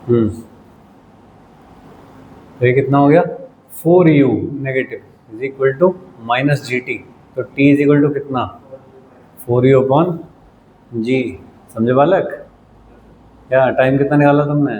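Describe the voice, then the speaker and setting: A man's voice: mid-range voice, steady tone, takes it slowly, long pauses, a little mellow. Man teaching physics in an echoey classroom. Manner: quizzing students, teasing and casual. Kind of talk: classroom lecture. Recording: echoey room with faint noise.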